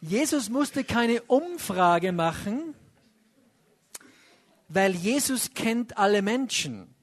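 Slow, high-voiced male preacher. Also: lively intonation. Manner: emphatic, rising to loud stresses on key points; drops to a quiet, low, personal tone when questioning listeners. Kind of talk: sermon.

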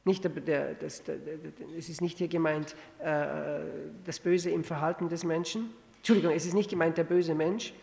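A man preaching a sermon, teaching with rhetorical questions and reading scripture slowly and deliberately. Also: fairly high pitch, fairly even intonation, gravelly, a little mellow. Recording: long reverb of a hall.

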